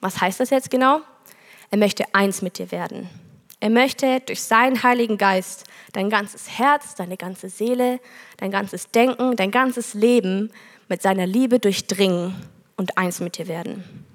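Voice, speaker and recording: A woman's voice: mid-range voice, unhurried. Woman preaching in an echoey hall. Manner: earnest storytelling, reads scripture aloud. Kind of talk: sermon with a told parable.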